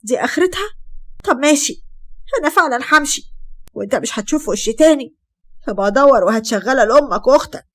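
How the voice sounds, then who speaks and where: A woman's voice: high-pitched, lively intonation, fast. A woman voicing a young Egyptian wife, worn down and aggrieved, speaking in a pleading tone. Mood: angry.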